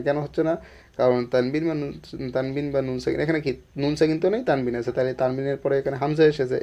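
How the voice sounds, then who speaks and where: A man with a mellow, rather flat voice teaches a recitation lesson. He explains each rule patiently and then recites the words slowly, one sound at a time. The recording sounds dull and lo-fi. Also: mid-range voice. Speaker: Quran reading teacher.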